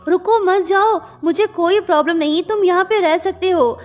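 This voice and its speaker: A woman voicing a kind-hearted, shy young woman who speaks gently and reassuringly. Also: very high-pitched, normal speed. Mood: pleading.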